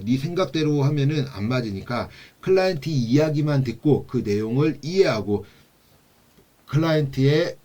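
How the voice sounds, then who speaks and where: A man teaches an exam-prep class at a middle pitch, keeping a lecturing tone. He asks rhetorical questions and repeats each key term, often dropping to a quieter, lower voice to stress it. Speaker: social work exam instructor.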